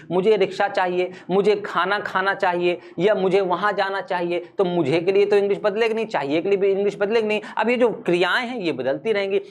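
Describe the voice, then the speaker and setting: A male teacher gives a chatty spoken-English lesson, slowly drilling English phrases. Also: sits high.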